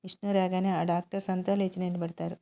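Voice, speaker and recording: A woman hosting her own channel, narrating a serialized love story in an even, unhurried way. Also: lowish voice, creaky. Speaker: storyteller host.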